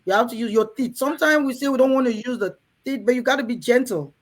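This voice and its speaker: A woman from Cameroon hosts a frank talk for women in a room, speaking fast in a fairly high voice. She's earnest and coaxing, often turning to address the ladies in her audience.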